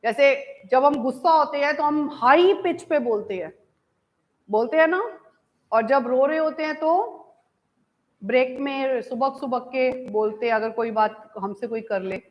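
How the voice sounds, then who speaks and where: A woman teacher with an Indian English accent, giving an online class. She mixes Hindi and English, reads key lines out slowly and keeps asking her students whether it is clear. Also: high voice, rough recording. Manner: calls students "beta".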